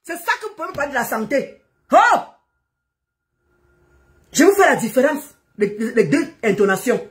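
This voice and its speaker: High-pitched, fiery woman ranting. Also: very animated, normal speed. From Cameroon. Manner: combative, loud, scolding, often shouting. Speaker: live-stream host. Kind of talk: live-stream rant to commenters.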